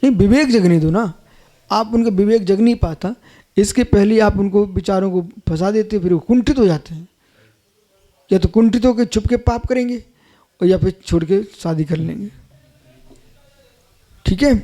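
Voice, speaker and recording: A man's voice: high voice, moderate pace, pauses often, mellow. A man, a Jain monk, giving a live sermon, emphatic, repeating phrases and questioning his listeners directly.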